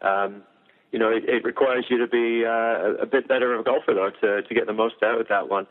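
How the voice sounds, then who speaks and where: A man's voice: medium pitch, steady tone, fairly quick. A man, a golf equipment engineer, explaining driver technology in detail with frequent fillers. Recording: tinny phone-like audio.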